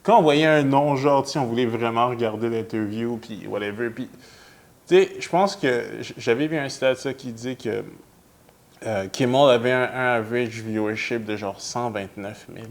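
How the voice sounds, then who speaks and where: Man, 20s, podcast co-host; gravelly, mid-pitched, hesitant casual delivery. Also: moderate pace. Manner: hesitant, restarts often, mixes in English. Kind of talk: casual chat.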